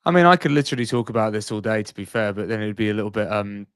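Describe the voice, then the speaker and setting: A man's voice: fairly low pitch, animated, rapid-fire, clean tone, no echo. A man in his thirties, a radio sports broadcaster, chatting as a podcast guest in an enthusiastic, emphatic way. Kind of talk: casual podcast chat.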